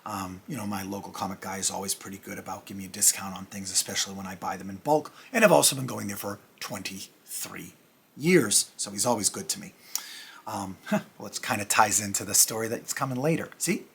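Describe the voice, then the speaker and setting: A man's voice: lowish voice, brisk, vocal fry, fairly bright tone, husky. A middle-aged man hosting a casual comic review vlog, chatty and rambling with self-deprecating asides. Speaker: comic review channel host.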